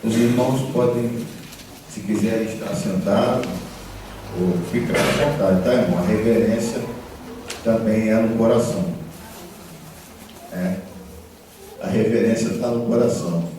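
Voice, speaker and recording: A man preaching a sermon in a church, talking conversationally and telling stories with animated retellings, often checking in with his listeners. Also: lowish voice, a little slow, long pauses. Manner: conversational, repeats tag questions, animated storytelling. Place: church hall. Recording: echoey church hall from far off, background noise.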